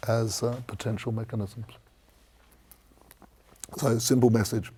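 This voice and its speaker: A man with a croaky, hoarse voice gives an expert medical review. His delivery is even and measured, with little swing in pitch and a soft, mellow tone. He sounds like a presenter explaining research findings. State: croaky from a strained voice this week.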